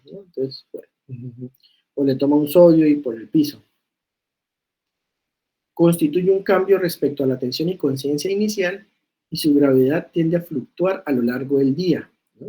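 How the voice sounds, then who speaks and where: A man's voice: on the high side, mellow, poor audio. A man giving a medical lecture, talking to students in a conversational way and often checking in with tag questions. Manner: reads criteria aloud then explains them. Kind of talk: classroom lecture.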